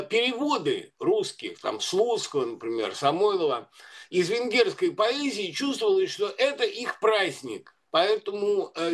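A man with a high-pitched voice talks at length in a discursive, conversational way. He pauses often with filler sounds and restarts his sentences as he goes. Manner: discursive, many hesitations and restarts. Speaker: guest commentator. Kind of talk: conversational commentary.

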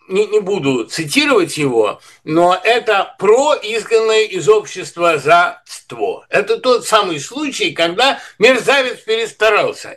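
A man's voice: high-pitched, sharp tone. A man giving political and literary commentary in a lecturing, digressive way, full of historical references.

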